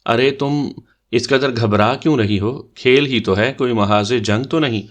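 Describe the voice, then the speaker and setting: A man's voice: medium pitch, lightly acted. A man voicing a mischievous young man who leads a party game and teases his sister, in a bantering tone. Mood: teasing. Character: teasing playful young man, game leader.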